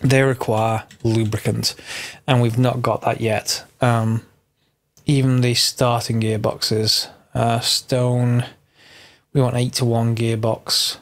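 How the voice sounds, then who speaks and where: A man hosting a Minecraft mod tutorial speaks slowly and flatly in a mid-range voice that's stuffed up from a cold. He narrates casually, musing out loud and revising what he says as he goes.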